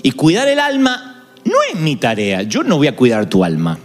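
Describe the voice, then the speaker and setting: A male pastor preaching an animated sermon and switching between acted voices. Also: mid-range voice, normal speed, faint music behind. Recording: long hall reverb.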